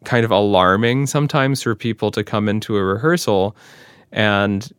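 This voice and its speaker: A man's voice: lowish voice, moderate pace, smooth, dry recording. An American man from near Cleveland, a singer answering interview questions in a direct, earnest, explanatory way. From near Cleveland, United States. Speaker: professional singer, interview guest.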